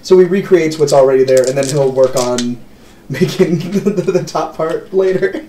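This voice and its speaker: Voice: medium pitch, normal speed, dark tone, roomy sound, a little hiss or hum. A tabletop game player chatting playfully, giggling and trailing off mid-sentence. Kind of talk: casual game chat.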